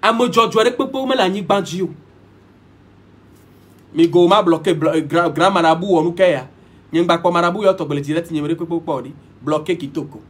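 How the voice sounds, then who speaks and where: A man holds forth in a live-stream monologue, preachy and repetitive, hopping between languages. His voice sits very high for a man and sounds husky, and it rises and falls in lively swings. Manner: preachy, repetitive, switching languages mid-sentence. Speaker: livestream host.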